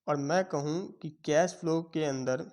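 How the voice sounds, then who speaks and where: A man teaching accounting in a lecture, explaining step by step and checking in with his students. He has a sore throat and often clears it. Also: on the high side, a little slow, a little mellow. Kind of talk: classroom lecture.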